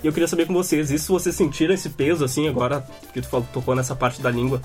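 A man's voice: a little high, flat delivery, rapid-fire. Southern Brazilian man hosting a casual chat, long rambling questions, faint music behind. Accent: southern Brazilian Portuguese. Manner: rambling, conversational. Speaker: host. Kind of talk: casual podcast interview.

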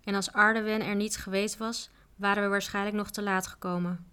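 A woman voicing a kind, calm male knight in a Dutch storybook reading, speaking in a soothing, reassuring way. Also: mid-range voice, brisk, clean tone, lightly acted.

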